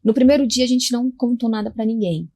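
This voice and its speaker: A woman's voice: on the high side, fast talker, mellow. A woman on a podcast telling her story as a mother, emotional and acting out the voices in the conversations she describes. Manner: emotional, re-enacting dialogue.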